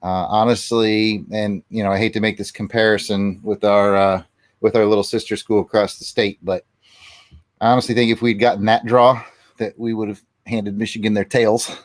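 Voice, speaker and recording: A man co-hosting a casual sports show, talking as a passionate fan in an emphatic, deliberate way with drawn-out stresses. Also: on the low side, little pitch movement, no room sound. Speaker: sports podcast co-host. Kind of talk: casual fan talk and ranting about college football.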